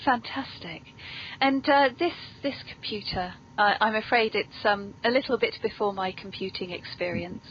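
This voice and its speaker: A British woman with a mid-range, slightly bright voice hosts a podcast at a moderate pace. She offers whimsical scripted hosting and genteel conversation in a playfully theatrical, very polite way. The recording sounds dull and lo-fi, with background noise.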